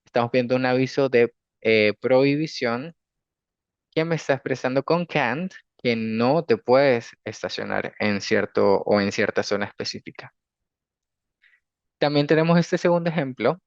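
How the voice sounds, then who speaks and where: Male language teacher, patient lecturing, slow careful example readings; dull, dry lo-fi sound. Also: medium pitch, clean tone, no echo. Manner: patient, explanatory, often checks understanding with "¿sí?"; reads English examples slowly and carefully. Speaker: English teacher. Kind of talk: recorded class lecture.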